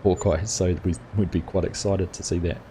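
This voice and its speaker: A middle-aged man with a New Zealand accent speaks low and at normal speed, slight background noise audible, as he hosts a live gaming stream. His manner is easygoing and talkative; he reads viewer comments, uses many fillers, and answers chatters by name.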